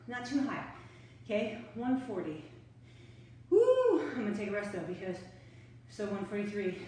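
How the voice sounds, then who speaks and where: A woman's voice: medium pitch, a little fast, darkish tone, slight background noise. A middle-aged woman giving casual workout instruction while exercising at home, chatty and short of breath between bursts. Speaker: fitness instructor. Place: home room near stairs. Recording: echoey room, camera far off.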